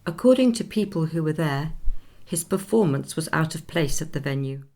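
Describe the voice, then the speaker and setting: An actress playing a dignified nineteenth-century Swedish opera singer in a radio play, speaking in a measured, formal, reflective way. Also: female voice, low-pitched, animated, warm tone. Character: [name], composed, dignified Swedish opera singer of the 1840s.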